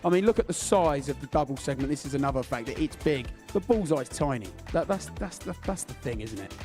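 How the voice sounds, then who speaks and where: A man's voice: a little high, a little mellow. Chatty man explaining darts tactics. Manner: chatty, thinking aloud with restarts. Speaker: darts studio presenter.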